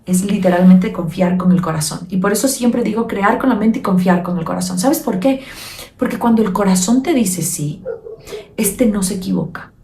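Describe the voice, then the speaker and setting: A woman hosting a motivational podcast who speaks emphatically and warmly calls the listener "my love.". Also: medium pitch, roomy sound, far from the mic. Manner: emphatic, addresses listener as "mi amor". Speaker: podcast host.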